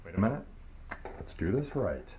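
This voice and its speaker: A woman's voice: a bass voice, big pitch swings, normal speed, background noise. A woman playing a blunt, demanding acting teacher in a naturalistic short film, direct and coaxing.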